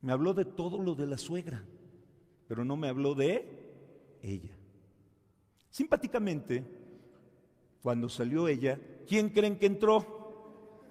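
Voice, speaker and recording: A man, a priest giving a homily at mass, telling stories slowly and acting out the people in them. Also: mid-range voice, very animated, warm tone. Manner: slow, storytelling, acts out quoted people. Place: church during mass. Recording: reverberant church.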